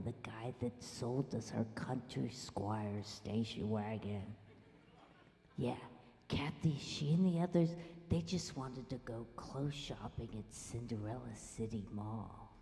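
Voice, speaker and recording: A woman singer-songwriter telling wry, self-deprecating autobiographical stories with hushed asides in a live musical revue on a small club stage. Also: very deep voice, long reverb tail.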